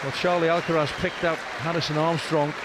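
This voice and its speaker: A man calling a football match play by play, with brisk, excitable calls of each move. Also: on the high side. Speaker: match commentator. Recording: broadcast with loud crowd noise. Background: loud stadium crowd.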